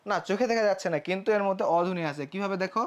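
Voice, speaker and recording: A man's voice: high-pitched, fairly even intonation, racing. A young man teaching a live online class, explaining step by step and acting out his students' questions with rhetorical prompts. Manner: acts out student questions himself.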